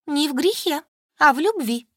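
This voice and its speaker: A woman's voice: sits high, sing-song, unhurried, no room sound, studio quality, pitched above the performer's own voice. A woman voicing a timid young pregnant friend who speaks in an earnest, breathless way.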